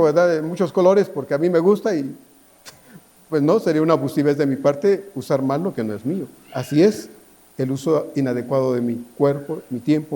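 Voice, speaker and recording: A man preaching a sermon as pastor, pleading and dropping to a hushed voice at times. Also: fairly high pitch.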